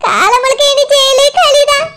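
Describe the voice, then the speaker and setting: Woman voicing a cartoon village mother, jailed, sobbing, pleading, Tirunelveli accent, shrill high voice. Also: normal speed, a bit bright. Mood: lamenting. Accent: Tirunelveli Tamil. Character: jailed village mother, middle-aged, sobbing, self-pitying. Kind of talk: cartoon voice acting.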